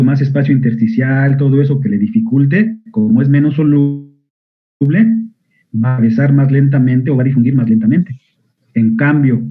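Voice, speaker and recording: A male medical school lecturer giving an online physiology class. He often quizzes his students and clears his throat. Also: medium pitch. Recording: narrow phone-like audio.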